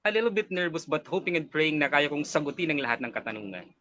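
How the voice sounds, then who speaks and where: A man's voice: on the high side, sing-song, quick pace, dull audio, a crowd in the background. A man, a pageant candidate giving polite, earnest interview answers.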